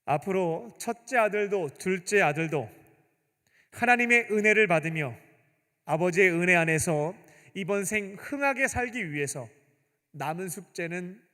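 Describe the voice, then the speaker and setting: A man's voice: high-pitched, lively intonation, measured pace, bright, forceful tone. A male youth pastor preaching a sermon, telling the story and acting out the characters. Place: church sanctuary. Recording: long church-hall reverb.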